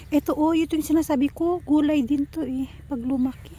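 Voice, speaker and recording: A woman's voice: sits high, fairly even intonation, fairly quick, dark tone. A woman chatting to her viewers in a casual vlog while walking outdoors and gathering vegetables. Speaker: vlogger. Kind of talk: casual cooking and garden vlog.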